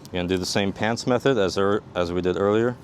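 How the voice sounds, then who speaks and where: Man, slightly deep voice, combat medic instructor, methodical step-by-step demonstration, faint background rumble. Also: fast.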